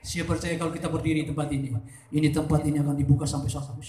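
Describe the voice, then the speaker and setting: Fervent high-voiced preacher, echoey hall. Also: male voice, little pitch movement, very fast, a little hiss or hum. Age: middle-aged. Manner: swings between soft intimate asides and loud fervent climaxes. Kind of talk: sermon.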